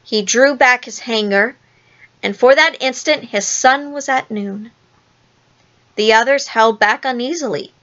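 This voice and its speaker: A woman reads a children's storybook aloud, telling it in first person. She goes very slowly and expressively in a somewhat high voice. The recording is dull and lo-fi. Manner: slow, expressive reading.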